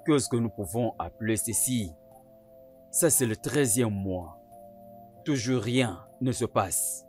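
A voice actor plays a worried parent questioning a son with slow, reproachful doubt. The delivery is measured and heavy. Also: mid-range voice, animated, a little mellow, faint music behind. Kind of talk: dubbed film acting.

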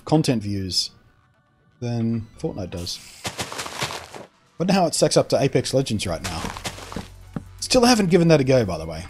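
A male streamer talks loosely to his viewers in a mid-range voice, neither high nor low. He rambles and often restarts his sentences while he airs his opinions. Faint music plays in the background. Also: a little mellow, breathy edge. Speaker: streamer answering chat. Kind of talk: casual live-stream chat.

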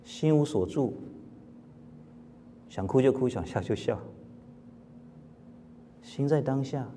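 A man teaching Buddhist scripture in a calm, plain-spoken lecture, asking his listeners rhetorical questions and now and then clearing his throat. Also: mid-range voice, slow pace, slight background noise. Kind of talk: dharma lecture.

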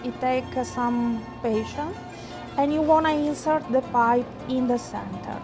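A woman's voice: sits high, a little slow. A woman chef in her thirties with an Italian accent, patiently explaining a dish in slightly broken English in a restaurant kitchen. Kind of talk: cooking demonstration. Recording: background music under the talk.

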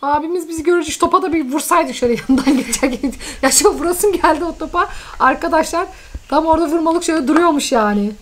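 Mom gamer, very high bright voice, excitable play-by-play over background noise. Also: female voice, fast talker. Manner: excited, cheering, addresses viewers as friends. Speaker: mother playing a video game with her daughter. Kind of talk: lively family gaming commentary.

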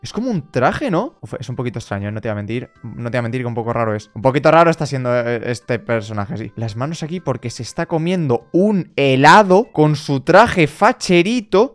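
A young man from Spain with a Spanish accent, giving casual gameplay commentary as a content creator, excitable and repeating words over and over. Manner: excitable, repeats words rapidly, bursts into high-pitched shouts.

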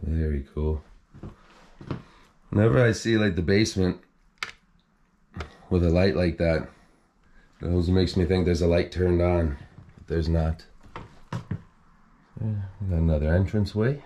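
A man hosting an urban exploration video narrates casually as he walks through an empty abandoned house, admiring it and thinking aloud on a handheld camera. His low, mellow voice keeps a measured pace with frequent pauses, over slight background noise.

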